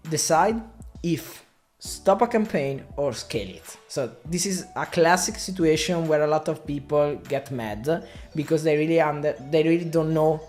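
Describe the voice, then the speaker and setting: His voice fairly high, darkish in tone and at normal speed, a digital marketing media buyer from Italy explains his work to camera. He's a native Italian speaker using English with an accent, speaking casually but often breaking off and starting over, with faint music behind.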